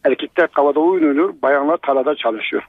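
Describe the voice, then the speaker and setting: A man's voice: fairly high pitch, fast, dry recording. A man from Malatya, a truck driver, calling in over a landline phone and speaking bluntly. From Malatya, Turkey. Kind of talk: call-in radio phone chat. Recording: tinny phone line.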